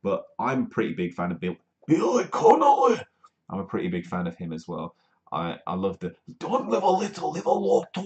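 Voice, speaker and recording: A man with a deep, low voice hosts a live comedy news stream, reading articles aloud and drifting into rambling asides. He fills the gaps with plenty of ums. The stream audio sounds dull and lo-fi.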